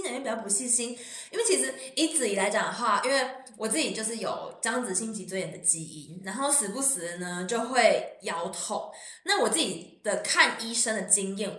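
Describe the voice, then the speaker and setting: A woman hosting a chat podcast. She leads the talk with measured, guiding questions. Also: medium pitch, a bit bright. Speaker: podcast host. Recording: roomy echoey room.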